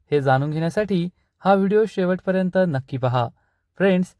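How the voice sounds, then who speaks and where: A man retells a TV serial episode in a storytelling way. His voice sits slightly high. The recording is dry and close. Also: a little mellow, no echo.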